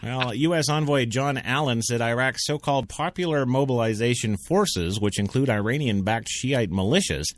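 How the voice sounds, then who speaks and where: In a radio studio, a male host reads the news as comic commentary, tossing in jokes and tripping over difficult names. His pitch is medium and his speed normal, with hardly any pauses and no room sound.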